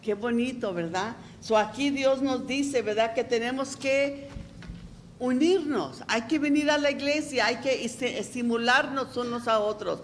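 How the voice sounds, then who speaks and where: A woman's voice: on the high side, unhurried, slight background noise. A middle-aged woman pastor, preaching a folksy, chatty sermon and often asking "¿verdad?".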